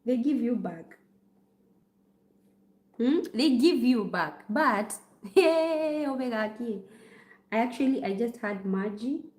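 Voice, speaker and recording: A woman's voice: on the high side, expressive, takes it slowly, pauses often, a little mellow. A woman with a Kenyan accent chats with her livestream viewers, answering their questions one by one. She is casual and talkative and sprinkles in Swahili phrases. The recording carries a noticeable room echo. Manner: chatty, mixing in Swahili phrases. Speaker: nurse. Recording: roomy echo.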